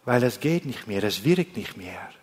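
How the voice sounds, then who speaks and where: A man from the Netherlands, preaching a sermon in German, slow and deliberate, with phrases that often drop to a soft low ending. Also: big pitch swings, husky. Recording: long hall reverb.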